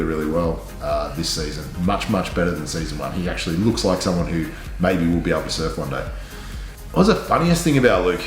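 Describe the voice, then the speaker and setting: A middle-aged man talks casually to camera with dry, teasing humour. His voice sits fairly low and rings in an echoey room, with faint music underneath. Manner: wry, teasing. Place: small plain indoor room.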